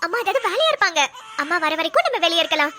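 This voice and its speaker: A woman's voice: extremely high pitch, very animated, quick pace, heavy background noise, pitched below the performer's own voice. A woman voicing a doting young aunt in a cartoon, cooing in baby talk. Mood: coaxing. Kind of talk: cartoon voice acting.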